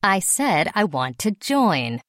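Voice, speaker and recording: A woman voicing a weary, gruff male company executive who speaks slowly and sternly. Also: expressive, a bit bright, no room sound, studio quality. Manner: slow, gruff, low delivery.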